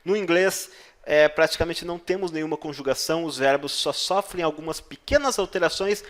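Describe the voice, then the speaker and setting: A man teaching an English lesson, stretching out the English example phrases and checking in with the listener after almost every phrase. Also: on the high side. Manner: slow drawn-out English examples, frequent "tá?" check-ins. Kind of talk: online language lesson.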